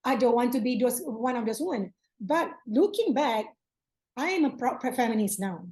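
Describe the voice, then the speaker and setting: A woman's voice: on the high side, expressive, normal speed, dark tone, poor audio. A woman hosting an interview, talking earnestly about her own views, with many fillers and restarts. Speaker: podcast host. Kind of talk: interview conversation.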